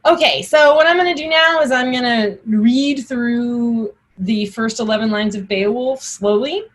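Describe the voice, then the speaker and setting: A woman's voice: on the high side, a little slow. A woman giving an informal Old English pronunciation lesson, explaining and carefully sounding out or reciting the old words. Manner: informal, explanatory, enunciates examples. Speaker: teacher.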